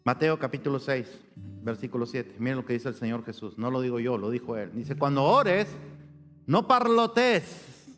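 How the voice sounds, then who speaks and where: A man, a pastor preaching a sermon, asking questions of the congregation, rising high and loud for emphasis and dropping low and quiet. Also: fairly even intonation, a little fast. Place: church sanctuary. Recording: long church reverb with soft guitar.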